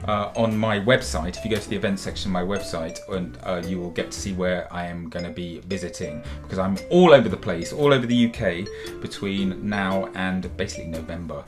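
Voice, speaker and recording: Chatty, lower-voiced man teaching kids to draw. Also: brisk, music in the background. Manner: chatty, encouraging, addresses kids as guys. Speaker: children's drawing tutor and author. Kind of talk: friendly drawing lesson for children.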